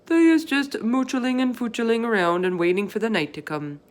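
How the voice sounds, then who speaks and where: A woman voicing a big, friendly male giant from a children's storybook, earnest and excitable, with muddled folksy grammar. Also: fairly high pitch, moderate pace, voice pushed up, lightly acted. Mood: emphatic explaining. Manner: emphatic, garbled folksy grammar with made-up words.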